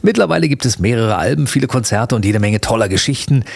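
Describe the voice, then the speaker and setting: A man hosting a radio talk show, chatty and quick, laughing easily with his guests. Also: medium pitch, animated, creaky, husky. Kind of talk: radio interview.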